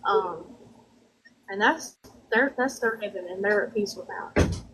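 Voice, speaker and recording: A woman's voice: mid-range voice, a bit bright, slight background noise, poor audio. Southern woman medium with a drawl. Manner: Southern drawl with folksy, halting, repetitive phrasing. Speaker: medium giving spirit readings. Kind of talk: conversational psychic reading.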